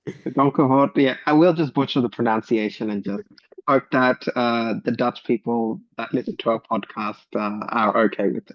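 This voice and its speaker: A man's voice: medium pitch, fairly even intonation, normal speed, dry recording. Matter-of-fact man on a dull, dry mic. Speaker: podcast co-host. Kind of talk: casual chat about cars.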